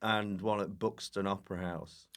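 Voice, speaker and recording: A man with a low voice and fairly even intonation speaks at normal speed as a podcast's guest comedian. Chatting casually, he giggles through rambling, self-deprecating comic tales.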